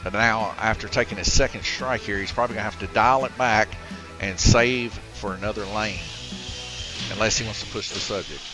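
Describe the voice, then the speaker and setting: The track host's live race commentary at the slot car raceway stays casual and chatty, with plenty of filler words. His lowish voice is brisk and steady in tone. Music plays beneath a rough recording.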